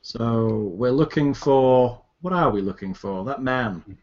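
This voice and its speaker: Mid-pitched man playing a tabletop game. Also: expressive, takes it slowly, darkish tone. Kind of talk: casual in-game conversation. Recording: dull lo-fi audio.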